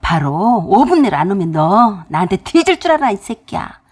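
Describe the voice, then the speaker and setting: A woman voicing a furious elderly father-in-law who scolds his children in a harsh, shouting voice for a radio drama. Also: fairly low pitch, normal speed, breathy edge, pitched below the performer's own voice. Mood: raging.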